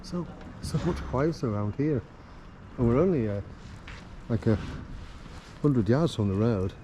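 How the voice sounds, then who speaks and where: In casual vlog commentary, a gravelly-voiced man tours a town by a river, sometimes from a vehicle, keeping things chatty and wry with joking asides. His medium-pitched voice is expressive and moves at a measured pace. Traffic and street noise can be heard around him.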